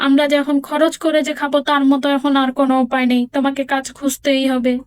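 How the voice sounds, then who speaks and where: A woman's voice: sits high, little pitch movement, fast talker, dry recording, studio quality, close to an everyday voice. A woman voicing a hardworking, worried village mother in a doll story drama. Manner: worried, emotional.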